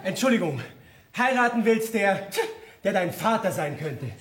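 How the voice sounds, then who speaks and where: An actor playing a jilted young suitor who goes from puzzled to vengeful. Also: male voice, sits high, expressive, moderate pace, fairly bright tone. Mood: baffled suitor. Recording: echoey theater stage.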